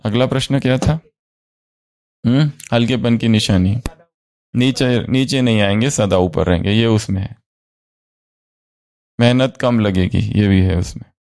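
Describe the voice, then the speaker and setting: A man's voice: lowish voice, unhurried, pauses often, darkish tone. A man leading a spiritual study class, quizzing the group with questions and repeating their answers.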